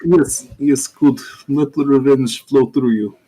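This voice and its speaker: A man voicing a theatrical, formal, detached adventurer in improvised tabletop role-play, with a husky voice and measured manner. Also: medium pitch, fairly even intonation, mellow, low-quality recording. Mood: gloating.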